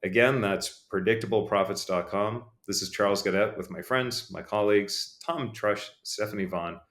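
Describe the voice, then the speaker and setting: A man with a fairly low voice hosts a business podcast in a casual, motivational way. He talks with lots of energy and acts out quotes in animated voices. The room gives his voice a clear echo. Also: moderate pace. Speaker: podcast host.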